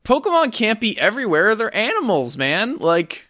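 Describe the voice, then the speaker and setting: A man's voice: sits high, wildly swooping pitch, moderate pace, bright, forceful tone, dry recording, clean studio sound. A man co-hosting a casual podcast, recapping a film in a sarcastic, rambling way with lots of fillers. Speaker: podcast co-host recapping films. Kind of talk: casual chat.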